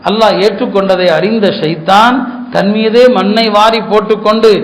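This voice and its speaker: A man with a high-pitched voice delivers an earnest sermon, leaning on repeated words to drive his points home. The sound is roomy and echoey. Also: fairly even intonation, moderate pace. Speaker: Islamic preacher.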